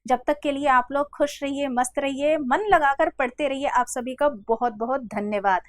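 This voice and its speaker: A woman with a high voice teaches a grammar class over slides. She explains patiently and repeats each example slowly, calling her students "beta". The recording is dry and close, with no room sound. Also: no room sound.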